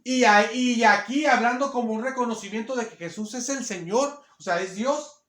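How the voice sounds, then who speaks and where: High-voiced fervent male preacher. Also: normal speed, fairly bright tone, echoey room. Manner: fervent, repetitive, addresses the sisters. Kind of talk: sermon. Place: church hall.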